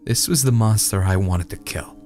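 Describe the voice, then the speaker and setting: A man reading a first-person horror story dramatically, in a brooding, hushed, halting delivery with dramatic pauses. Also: lowish voice. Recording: music bed under the voice. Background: background music.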